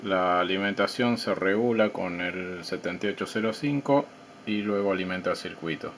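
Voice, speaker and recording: A man walks through his electronics project in a calm, measured, explanatory tone and pauses between ideas. His voice sits a little low. A faint hiss runs behind him. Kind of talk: technical demo narration.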